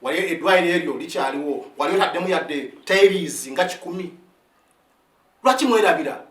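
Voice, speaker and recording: A man's voice: on the high side, expressive, fairly quick, a bit bright, recorded from a distance. A man in his fifties, an army sergeant whose first language is Luganda, gives an impassioned spoken account. He mixes Luganda with English phrases and keeps asking "eh?" of his listeners, with stumbling restarts. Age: 50s. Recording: roomy sound, set back from the mic.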